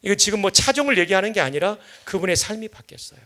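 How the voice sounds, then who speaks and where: A male guest pastor telling a lively, humorous story during an evening sermon in a church. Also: high voice, fast talker. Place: church sanctuary.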